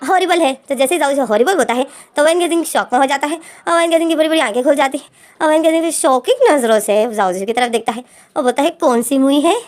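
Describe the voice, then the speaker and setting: A young woman retelling a drama's plot as a storyteller, in a steady, plain recounting manner. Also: high voice, racing.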